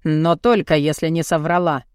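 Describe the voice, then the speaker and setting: A woman's voice: low voice, steady tone, moderate pace, clear, resonant tone, no room sound, studio quality, pitched below the performer's own voice, natural voice. A woman voicing a crude, cocky young muscleman who taunts and speaks bluntly in an audiobook. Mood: mocking. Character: crude cocky muscular young man, mocking and pushy. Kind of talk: audiobook character voice.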